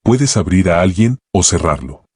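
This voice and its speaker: Guy reading a self-help audiobook, low husky voice, slow and calm, short thoughtful phrases. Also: no echo, clean studio sound. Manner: calm, measured delivery in short reflective phrases. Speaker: audiobook narrator.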